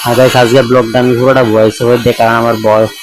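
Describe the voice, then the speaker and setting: Hoarse man, voice-over vlog. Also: medium pitch, little pitch movement, very fast, rough recording. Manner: chatty, keeps addressing viewers as guys. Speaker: vlogger. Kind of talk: casual voice-over vlog narration.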